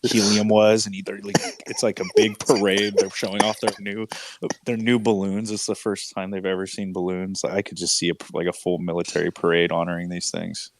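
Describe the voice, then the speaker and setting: A man's voice: low-pitched, flat delivery, brisk, slight background noise. A man hosting a casual group chat in bro-ish frat-guy slang, with some swearing. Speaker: host of a live audio chat room.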